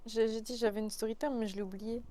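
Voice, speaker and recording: A woman's voice: a little high, steady tone, fast talker, mellow. Playful woman teasing in voice chat. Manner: playful, mock-scolding. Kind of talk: casual teasing banter.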